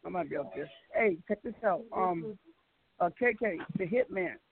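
A man's voice: high-pitched, moderate pace, creaky, slightly rough, no room sound. A man in his sixties hosting a casual call-in radio chat, laughing easily and stumbling over repeated words. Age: 60s. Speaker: radio show host. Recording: phone-line call-in audio.

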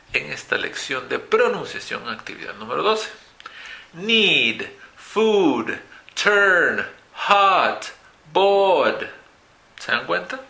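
A man teaching an English pronunciation lesson in Spanish, modelling words slowly for students to repeat. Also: medium pitch, creaky, pushed and bright, roomy sound.

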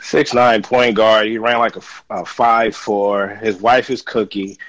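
A man's voice: lowish voice, little pitch movement, measured pace, fairly bright tone, low-quality recording. A man from Los Angeles as a podcast guest, ranting profanely about players he hates and repeating himself. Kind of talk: casual sports chat.

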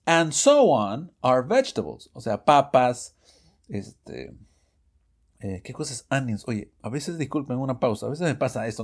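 A man teaching English phrases in a Spanish-language lesson podcast, lively and self-correcting, reading the example sentences slowly. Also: mid-range voice, breathy edge. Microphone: studio microphone, audio only.

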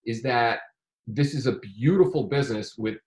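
A man talking casually about his day trading, animated and rambling, with frequent restarts. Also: mid-range voice, normal speed. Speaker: day trader. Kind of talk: casual conversation.

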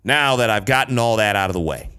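A man's voice: on the low side, animated, quick pace, bright, forceful tone, clear, resonant tone. A man from the United States hosting a solo podcast in a casual, slangy, emphatic way, repeating phrases for effect. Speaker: podcast host. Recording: music behind the voice. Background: music.

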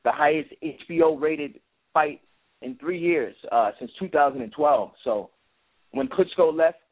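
A man giving conversational sports analysis as a boxing pundit, in a halting delivery full of filler words. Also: fairly high pitch, big pitch swings, gravelly. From Brooklyn, New York. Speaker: guest boxing writer and analyst. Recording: tinny phone-like line.

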